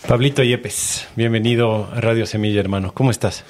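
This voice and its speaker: Low-voiced male podcast host. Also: fairly even intonation, fairly quick. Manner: warm, enthusiastic, informal. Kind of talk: casual podcast interview.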